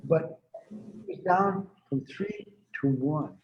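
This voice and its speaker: Talkative older guy in his 70s rambling on, slightly high voice, roomy echo. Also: slow pace, slight background noise. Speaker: healer and medium being interviewed. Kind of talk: casual interview talk. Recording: echoey room, dull lo-fi sound.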